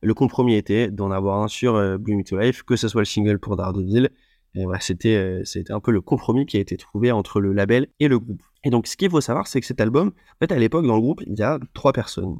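Man with a dry, low-pitched voice. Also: fast, a little mellow, no echo. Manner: hesitant, many fillers and restarts. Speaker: podcast host. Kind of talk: unscripted solo podcast talk.

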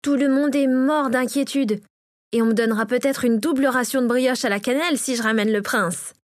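A woman's voice: high-pitched, fairly quick, no room sound, studio quality, pitched above the performer's own voice, lightly acted. A woman narrator voicing a playful teenage boy who teases his little sister. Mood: teasing. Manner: playful and teasing. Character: lively teenage boy, teasing older brother.

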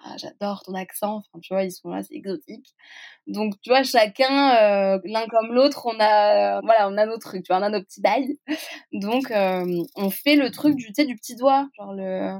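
A woman's voice: mid-range voice, moderate pace, a little mellow. Chatty young Frenchwoman telling her story. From France. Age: young adult. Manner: chatty, peppers speech with "tu vois" and fillers. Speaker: podcast guest. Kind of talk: casual personal storytelling.

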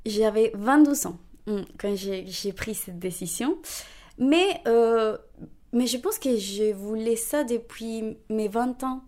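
A young woman in her twenties from Colombia, speaking French with a Colombian Spanish accent, telling her story in an animated way with frequent restarts and laughter. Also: fairly high pitch, takes it slowly. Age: 20s. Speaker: interviewee. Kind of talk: conversational testimony.

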